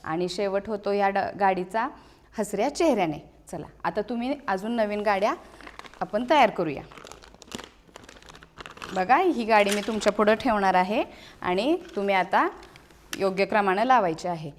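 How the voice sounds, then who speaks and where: A woman's voice: medium pitch, moderate pace, pauses often, a little hiss or hum. Patient Marathi-speaking woman teacher. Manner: patient, coaxing, asks questions and repeats answers. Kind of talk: classroom demonstration of a teaching aid.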